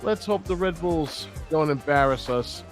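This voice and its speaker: A man's voice: on the high side, animated, a little slow, soft background music. A middle-aged man hosting a casual sports podcast, talking bluntly and with feeling and repeating phrases for emphasis. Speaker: podcast host.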